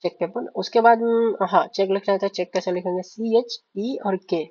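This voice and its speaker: A woman teaching shorthand, speaking in an even, mid-range voice. She spells each word out letter by letter and keeps stopping to check that her students follow. The recording is a little dull and lo-fi. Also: mid-range voice, moderate pace. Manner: repeats words, spells letters out, keeps asking "ठीक है?". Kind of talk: step-by-step lesson, writing on a board. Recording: slightly dull, lo-fi sound.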